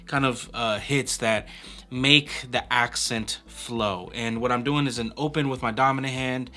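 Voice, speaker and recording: A man casually teaching a hand-drum pattern, explaining it step by step in a relaxed way with fillers. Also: mid-range voice, unhurried. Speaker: percussion teacher.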